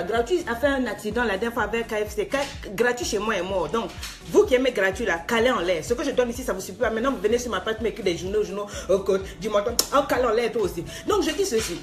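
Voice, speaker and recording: A woman's voice: a little high, lively intonation, fast talker, faint music behind. A woman life coach giving a motivational talk, scolding and mocking her listener with laughs, slipping in English phrases.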